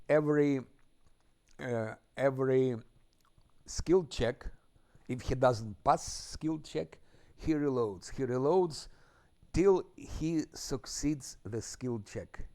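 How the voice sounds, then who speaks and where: Slow-talking male streamer chatting casually. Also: mid-range voice, darkish tone. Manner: unhurried, thinking aloud, chuckles often. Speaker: game streamer. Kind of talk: casual live-stream chat while playing.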